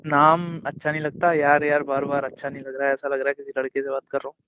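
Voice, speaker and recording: Man on a lo-fi phone call, teasing and insistent, middle pitch. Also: completely flat delivery, fast, a little hiss or hum. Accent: Hindustani. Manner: coaxing, playful, insistent. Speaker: boyfriend on a call. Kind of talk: casual romantic phone chat. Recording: muffled phone call recording.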